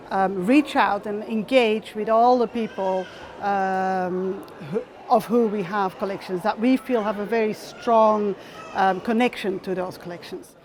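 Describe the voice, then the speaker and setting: A woman who directs a museum, explaining its aims in a measured, formal way in a documentary interview. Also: mid-range voice, a little mellow, slight background noise, low-quality recording.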